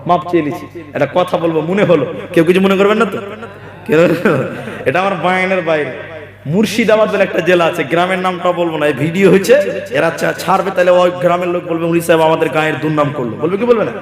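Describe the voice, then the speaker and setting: A man's voice: high-pitched, fast. A man from Assam preaching a humorous sermon, teasing the crowd with rhetorical questions. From Assam, India. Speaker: Islamic preacher. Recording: echoey hall with long reverb.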